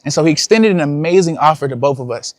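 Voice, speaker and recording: A man's voice: fairly high pitch, lively intonation, fast talker, no room sound. A young man, a content creator, talking casually and slangily to his viewers in a vlog. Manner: casual slangy talk, addresses viewers as y'all.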